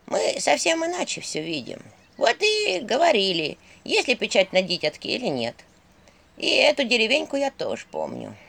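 A woman's voice: a little high, huge pitch swings, normal speed, vocal fry, a bit bright, voice pushed up, full character voice. A woman voicing an old female talking skull on a staff, with folksy, drawling speech. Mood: reminiscing.

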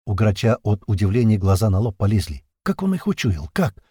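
A man narrating an audiobook in a steady, tense, vivid storytelling manner. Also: lowish voice, a little fast, breathy edge, no echo, clean studio sound.

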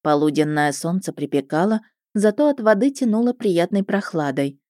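A woman narrating a first-person story in a lively, expressive way. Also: lowish voice, moderate pace, dry recording, clean studio sound. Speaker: audiobook narrator.

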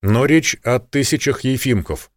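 A man's voice: medium pitch, animated, measured pace, dry recording, clean studio sound, voice pushed up, lightly acted. A man doing an anxious chief doctor. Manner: anxious, indignant. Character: fussy worried male chief doctor.

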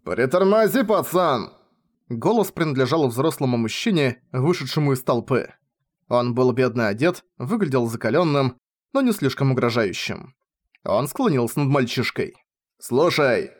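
Lively male audiobook reader. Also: mid-range voice, moderate pace. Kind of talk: first-person novel narration.

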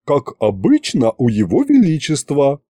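A man voicing an eager, flattering male butler at a royal court in an audiobook. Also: mid-range voice, a little slow, slightly rough, no echo, clean studio sound, heavily acted. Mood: fawning. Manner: fawning, flattering.

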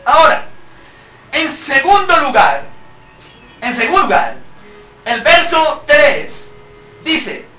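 Male pastor, emphatic sermon full of rhetorical questions; high, bright tone, distant echoey room recording. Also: big pitch swings, slow, long pauses, highs cut off, faint music behind.

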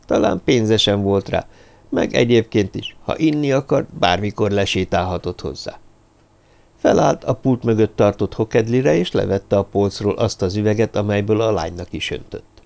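A man reading a novel aloud as an audiobook narrator, in a measured storytelling style. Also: lowish voice, creaky, darkish tone. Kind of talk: scripted narration.

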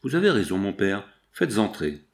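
A man's voice: fairly low pitch, sing-song, moderate pace, creaky. A man reading the part of a haughty, sickly young rich daughter in a storybook.

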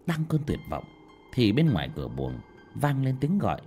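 A man narrating a scripted horror story in a dramatic, expressive manner. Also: medium pitch, moderate pace, faint music behind.

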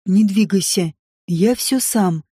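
A woman voicing a commanding, domineering male king in an audiobook, speaking low and curt. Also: slow pace, mellow, slightly rough, no echo, clean studio sound.

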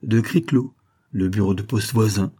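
A sly scheming valet with a low, husky voice, as a male reader puts him on. He drops knowing half-hints and keeps his real thoughts to himself. The tone is dark and mellow. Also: normal speed. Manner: knowing, evasive.

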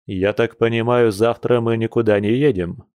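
A man's voice: medium pitch, fairly even intonation, normal speed, darkish tone, no echo, close to an everyday voice. A man voicing a wry older male wolf brother with a dry, philosophical manner in an audiobook.

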